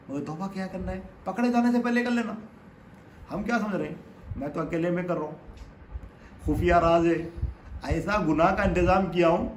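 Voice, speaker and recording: A man delivers a sermon, telling stories and asking rhetorical questions. His voice sits high and rises to emphatic peaks. The room around him is echoey, with a faint ambient hum. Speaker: preacher. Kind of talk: Urdu religious sermon.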